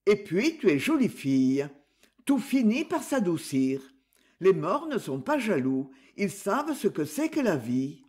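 A man voicing a gentle elder brother from the countryside, who speaks softly, consoling and earnest. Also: high voice, big pitch swings, unhurried.

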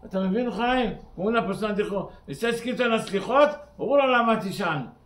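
Rabbi, halting Spanish full of terms, high voice, roomy echo. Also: male voice, lively intonation, fairly bright tone. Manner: halting, simple Spanish mixed with Hebrew terms. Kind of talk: weekly Torah sermon.

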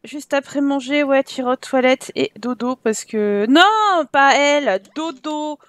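A woman's voice: high voice, animated, a little slow, no room sound. A woman from France giving casual let's-play commentary, exasperated and scolding the characters in her game, often laughing. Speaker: gaming YouTuber.

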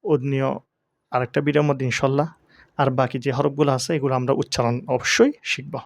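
A man teaching the pronunciation of Arabic letters for Quran reading. He asks questions and answers them himself, and he draws each letter sound out slowly. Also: mid-range voice, steady tone, vocal fry, dry recording, studio quality. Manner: slow, drawn-out letter sounds.

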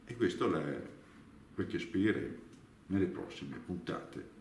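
A man giving a slow dialect lesson, reading out example words one by one. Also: low voice, lively intonation, darkish tone, slight background noise. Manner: deliberate, spells out examples word by word. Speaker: dialect teacher. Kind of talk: slow spoken lesson, reading out word lists. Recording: echoey room, voice from a distance.

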